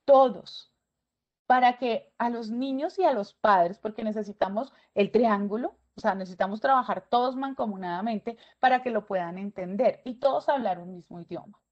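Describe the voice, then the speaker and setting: A woman giving an animated webinar lecture, often stopping to check in with her audience. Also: fairly high pitch, normal speed. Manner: animated, asks checking questions, acts out student voices. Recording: dull lo-fi webinar audio.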